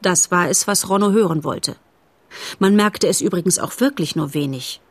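A woman reading a children's novel aloud as narrator, in a steady, expressive storytelling manner. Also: lowish voice, normal speed, no room sound.

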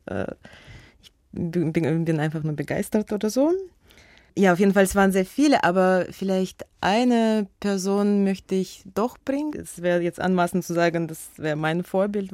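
In a dry, studio-quality recording, a woman with a fairly low, darkish voice discusses her museum work as a radio interview guest. A curator and native Russian speaker, she has a Russian accent and answers hesitantly, restarting often and leaning on fillers.

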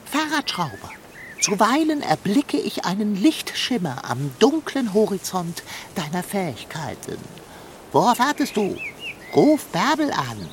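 A woman's voice: mid-range voice, very animated, measured pace, a little hiss or hum. A woman playing a pompous, gloomy male companion in a children's radio play, speaking in grand, old-fashioned phrases. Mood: lofty.

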